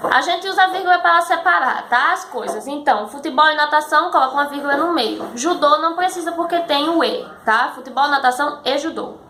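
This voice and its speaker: A woman teacher explaining a lesson patiently and slowly, often checking that her students follow. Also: sits high, sharp tone. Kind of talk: recorded school lesson. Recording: echoey room with faint background noise.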